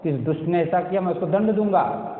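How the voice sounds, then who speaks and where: A man's voice: high-pitched, brisk, lightly acted. A preacher voicing a proud young boy sage who speaks in stern threats. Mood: angry. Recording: tinny echoey hall sound.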